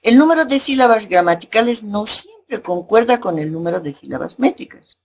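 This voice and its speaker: A woman teacher explaining poetry lessons, often asking a rhetorical "right?" and pausing with fillers. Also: mid-range voice, expressive, darkish tone, slight background noise. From Bolivia. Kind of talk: recorded class lesson.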